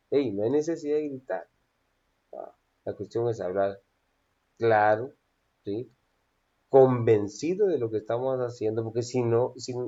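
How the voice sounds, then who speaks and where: A man teaching a lesson on public speaking in a measured, instructive way, often addressing his listeners directly. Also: mid-range voice, mellow. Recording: dull lo-fi phone recording.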